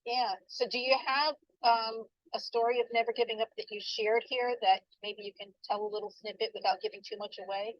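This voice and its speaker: Woman interviewer, kinda high voice, quick friendly questions, dull dry lo-fi sound. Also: fairly even intonation, no room sound.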